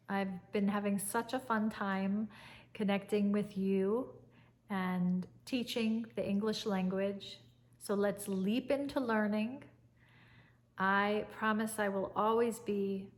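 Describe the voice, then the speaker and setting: Seated indoors beside the fireplace in her living room, a woman in her fifties who teaches English and hosts a channel chats at home in a calm, mid-pitched voice. Her manner is warm and soft, slow and reflective, with affectionate pauses. The camera sits at chest height.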